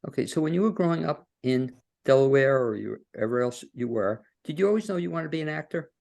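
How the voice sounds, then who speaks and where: Speaking fast with lively intonation, this podcast host has a voice on the high side, creaky and a little mellow. He runs interviews from his home studio over a video call, and his talk is folksy and rambling, full of fillers and restarts.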